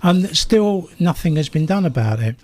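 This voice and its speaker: An older man from South London with a South London accent, a guest in a radio interview who tells stories with lively acted-out dialogue. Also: fairly high pitch, normal speed. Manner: animated storyteller, acts out dialogue.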